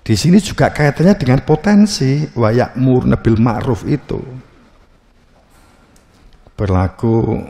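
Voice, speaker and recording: A man's voice: medium pitch, lively intonation, unhurried, vocal fry, long pauses, mellow, in a large hall. A man with a Javanese accent giving a religious study lecture. He talks without hurry, jokes, and acts out little scenes. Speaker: religious teacher.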